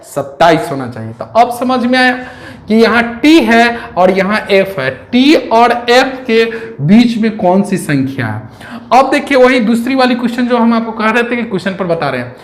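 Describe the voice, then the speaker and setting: A man's voice: very high voice, big pitch swings, moderate pace. Guy teaching reasoning, keeps asking questions, roomy echo. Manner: chatty, counts aloud, asks rhetorical questions. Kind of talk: classroom lecture on exam reasoning.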